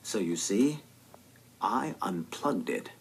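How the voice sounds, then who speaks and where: A smug self-made god. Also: male voice, on the low side, sing-song, slow, slightly rough, exaggerated voice. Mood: grandiose. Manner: grandiose, theatrical, then sheepish. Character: vain self-styled god, smug young man.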